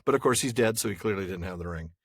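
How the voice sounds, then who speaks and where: A man's voice: deep voice, rapid-fire, no echo, studio quality. A man co-hosting a podcast, chatting casually and joking with frequent laughter. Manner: jokey, laughs often. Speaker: podcast co-host. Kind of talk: casual chat.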